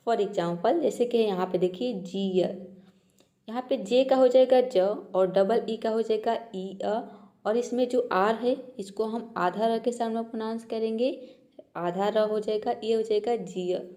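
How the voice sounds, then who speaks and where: Woman teacher, slightly high voice, mellow tone, patient step-by-step explaining. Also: measured pace. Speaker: English teacher. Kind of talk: spoken pronunciation lesson.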